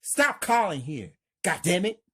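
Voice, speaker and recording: A terrified man, hunted by a killer, begs and shouts in a high, strained, husky voice, as a woman reading the story plays him. The pitch jumps well above her own low speaking voice. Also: very animated, takes it slowly, exaggerated voice. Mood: scared. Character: frightened young man stalked by a killer.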